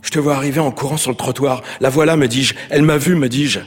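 An actor playing a quiet, sincere man calmly recounting a night, in a stage play. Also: mid-range voice, in a large hall, close to an everyday voice. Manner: measured, even storytelling.

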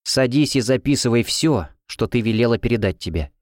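A man voicing a sharp-tongued, irritable young woman who shares a room, speaking in a scolding, snappy way. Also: mid-range voice, expressive, fairly quick, no room sound, studio quality, natural voice. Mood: insistent.

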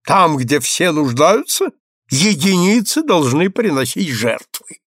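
A man's voice: on the high side, big pitch swings, slow pace, a bit bright, no echo, clean studio sound, pitched above the performer's own voice, exaggerated voice. A man reading aloud and voicing a prim, pious businessman with indignant, wailing speech. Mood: smug. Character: smug, prim businessman, self-righteous then panicky.

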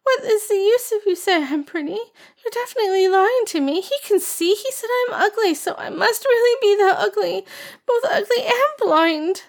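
A woman reading an audiobook and voicing a tearful, stubborn young girl who pleads and whines in a high, sobbing voice. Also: steady tone, moderate pace. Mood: whiny, wailing. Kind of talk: audiobook character voice.

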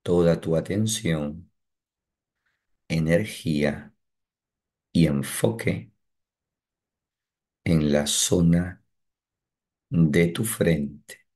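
With a low-pitched voice, a man leads a guided meditation, speaking calm, brief instructions with long silences in between.

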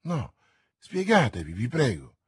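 A man's voice: mid-range voice, huge pitch swings, measured pace, husky, dry recording, clean studio sound, exaggerated voice. A man voicing a cunning noblewoman in an audiobook reading, her speech urgent and pleading. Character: cunning noblewoman, a scheming escaped prisoner.

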